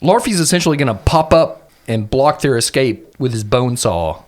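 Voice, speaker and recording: A man plays his character in a tabletop game with a mid-range voice. His pitch swings widely, and he often laughs as he lays out his moves. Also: normal speed, noisy background. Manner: laughing, animated storytelling. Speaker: player.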